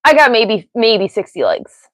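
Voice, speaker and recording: An American livestream host, a woman with a blended Pennsylvania and Ohio accent, talks casually, drifting onto tangents and giggling often. Her voice is on the high side and fairly bright, with wildly swooping pitch and an unhurried pace. The recording is dry with no echo and sounds slightly dull.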